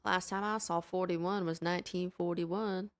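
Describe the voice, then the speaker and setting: A woman's voice: lowish voice, steady tone, normal speed. A young adult woman streamer chatting casually with her viewers during a live game stream, greeting them by name. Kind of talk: casual livestream chat.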